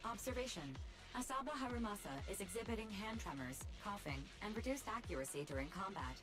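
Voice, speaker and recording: A woman's voice: mid-range voice, quick pace, lightly acted. Woman voicing a formal AI assistant over music. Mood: analytical. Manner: clipped, formal, emotionless. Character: polite, precise female-voiced AI assistant. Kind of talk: video game voice acting.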